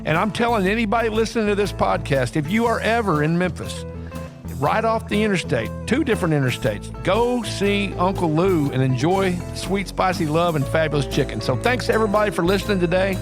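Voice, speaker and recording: Guy hosting a food podcast, kinda high voice, friendly plug-y sign-off, music playing under him. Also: lively intonation, fairly quick. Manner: friendly, promotional wrap-up. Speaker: podcast host. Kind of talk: casual podcast interview.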